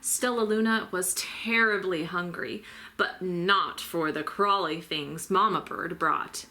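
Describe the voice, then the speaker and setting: A woman reading a children's storybook aloud as a teacher, with deliberate, dramatic delivery. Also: on the low side, fairly even intonation, sharp tone. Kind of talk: expressive children's storybook narration.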